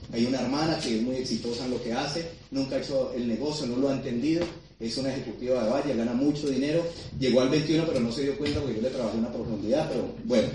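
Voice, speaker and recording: This storytelling seminar talk comes from an excitable man with a mid-range voice, a motivational speaker at a sales seminar. He speaks fast and asks the audience questions, and the distant mic captures a very echoey large hall with slight background noise.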